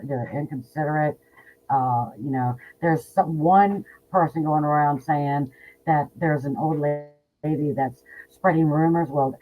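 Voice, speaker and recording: A psychic medium in her fifties speaks bluntly and outspokenly as a guest in a casual interview, her deep voice slightly rough. She often repeats words, and the sound comes through a tinny phone line with faint noise.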